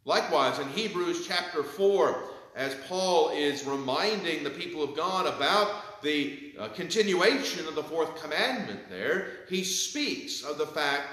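Slow, bright-voiced preacher in echoey church. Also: male voice, on the high side, lively intonation. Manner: measured preaching, reads scripture with rising emphasis. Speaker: pastor. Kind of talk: sermon. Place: large church sanctuary, behind the pulpit. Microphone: pulpit mic, far camera.

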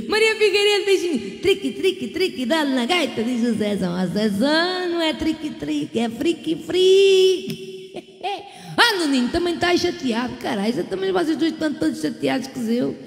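A woman's voice: high-pitched, animated, measured pace, vocal fry. A middle-aged woman from Portugal with a European Portuguese accent, hosting a live stream: chatty and bawdy, laughing often and sending kisses to viewers. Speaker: live-stream host and keyboard singer. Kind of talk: casual live-stream chat with shout-outs. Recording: echoey room with long reverb and music.

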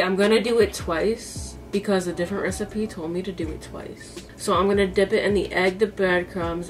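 A cooking vlogger from the American East Coast, in her twenties, talks informally to camera while cooking indoors in her small kitchen, thinking things through aloud. Her pitch is fairly low, and she sounds far from the mic since the camera is a few feet away. Music plays in the background.

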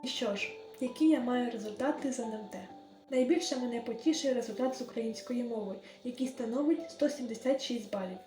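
A young woman in her late teens, earnestly giving gentle advice as a vlogger. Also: fairly high pitch, a little fast. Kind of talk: advice vlog narration. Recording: echoey room with music underneath.

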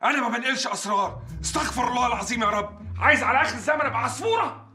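A man's voice: extremely high pitch, expressive, rapid-fire, sharp tone, faint music behind, full character voice. An actor playing a timid male office boy who speaks with an Egyptian Arabic accent and refuses to carry tales. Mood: earnest.

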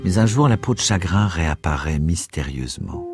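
Deep-voiced man reading a novel aloud. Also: over music. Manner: measured, expressive narration. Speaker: reader. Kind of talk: literary reading for radio.

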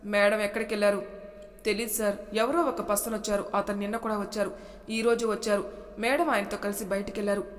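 A woman reading a serialized story aloud, voicing every character in her own voice and raising it for shouted lines. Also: mid-range voice, fairly even intonation, fast, in a large hall. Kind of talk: scripted story narration with dialogue.

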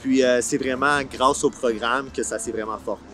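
A man in his forties, the series creator, speaks with a Franco-Ontarian accent at medium pitch, with fairly even intonation and a moderate pace. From Ottawa, Canada, he's interviewed casually on an outdoor park film set, colloquial and mixing in English, with soft music under his voice.

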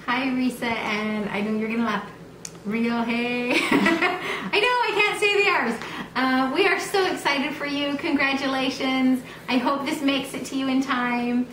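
A woman in her thirties gives a casual, personal greeting to camera. Her voice sits fairly high. The phone recording is echoey, with clear background noise in the room. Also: unhurried, hardly any pauses, a bit bright. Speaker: mother recording a family greeting. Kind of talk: casual personal video message. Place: small wood-panelled room at home.

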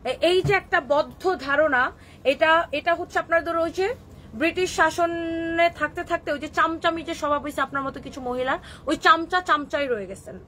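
A high, bright-voiced woman with a Kishoreganj Bengali accent talks back to viewers on a live stream. She scolds in a defiant way and drops English words into her Bengali, with faint noise behind her. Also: moderate pace. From Bangladesh. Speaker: clothing shop owner hosting a live stream.

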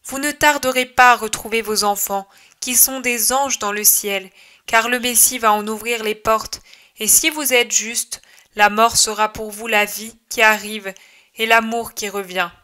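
A woman's voice: fairly high pitch, fairly even intonation, unhurried, sharp tone. A woman voicing Jesus, solemnly preaching. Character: Jesus, gentle male preacher addressing his countrymen.

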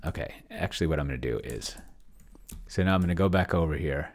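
Talking fast in a rumbling low voice against background noise, a middle-aged man rambles through casual think-aloud commentary on a screen share. He mutters to himself as he reads and types, testing an AI dungeon master solo from a home room with shelves.

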